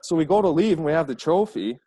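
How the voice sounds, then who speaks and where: A man's voice: fairly high pitch, animated, fast, mellow, no room sound. A man from Alberta, Canada, a guest hockey player, telling rambling stories in casual podcast chat and swearing constantly.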